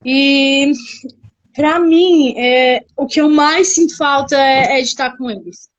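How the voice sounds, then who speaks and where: A young adult woman from Brazil, a missionary and youth leader, chatting in a casual interview and excitedly repeating words for emphasis. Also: high voice, takes it slowly, dull audio. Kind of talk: casual interview on a live stream.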